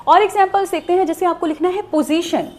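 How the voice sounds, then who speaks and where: A woman's voice: very high voice, fast talker. A woman teaching a shorthand class online, explaining step by step and often checking that students follow. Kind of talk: online lesson.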